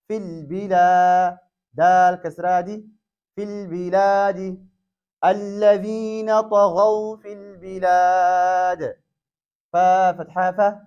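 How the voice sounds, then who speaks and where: A man's voice: sits high, a little mellow. A man teaching Quran reading, spelling out each letter and vowel mark and then blending the syllables into whole words. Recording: dull lo-fi recording.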